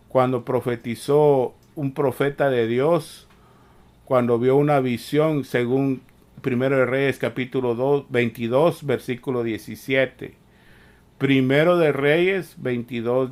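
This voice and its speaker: A man preaching a sermon, repeating himself and saying "amén" often, growing forceful when he scolds. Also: medium pitch. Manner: slow, repetitive preaching with frequent "amén" and "mire".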